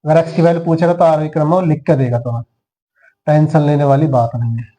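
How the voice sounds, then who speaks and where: A man's voice: fairly high pitch, level tone, fast, mellow. A man teaching maths who talks students through each step and counts the items aloud. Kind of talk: classroom lesson.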